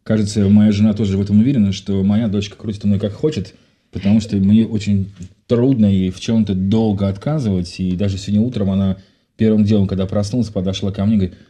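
A man's voice: lowish voice, fairly even intonation, fast talker, dark tone. A man hosting a live radio talk show from a studio, chatty and jokey, with frequent filler sounds.

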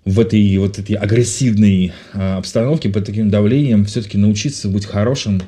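A man's voice: on the low side, a little fast, mellow. A man hosting a live radio talk show from a studio, chatty and jokey, with frequent filler sounds.

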